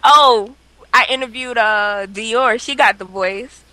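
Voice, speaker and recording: A woman co-hosting an internet radio panel show, talking in a playful, animated, laughing way. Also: a little high, slow, no echo, low-quality recording. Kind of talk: casual radio panel chat.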